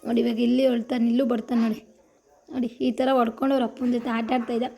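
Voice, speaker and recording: A woman's voice: fairly high pitch, level tone, rapid-fire, warm tone, soft background music. A woman from Karnataka casually narrating a cooking vlog in her home kitchen, chatty and homely, repeating her phrases. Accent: Kannada, Karnataka. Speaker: vlogger.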